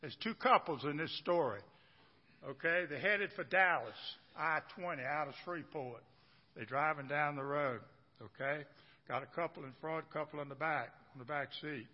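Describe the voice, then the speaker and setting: This man is a pastor giving a sermon to his church, homespun and repetitive in manner, often quizzing the crowd and repeating phrases. He speaks at normal speed in a fairly high voice. The audio is dull and echoes like a church hall.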